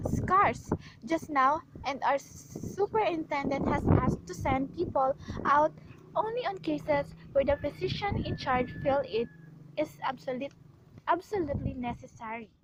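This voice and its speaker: A woman's voice: high voice, noisy background. A woman playing a polite, formal clerk at a nurses' registry in an amateur radio play.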